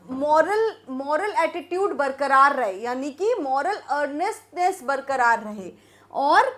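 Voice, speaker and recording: A woman teaching an exam revision lecture, reading each question out slowly before she explains the answer. Her voice sits high and her pace stays unhurried. She addresses her students fondly as she walks through each option. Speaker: English literature teacher. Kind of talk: exam revision lecture, mixing Hindi and English.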